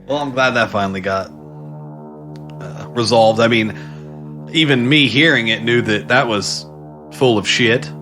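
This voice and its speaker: A man's voice: medium pitch, unhurried, long pauses, over music. A man co-hosting a true crime podcast, chiming in with blunt, profane wisecracks. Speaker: podcast co-host.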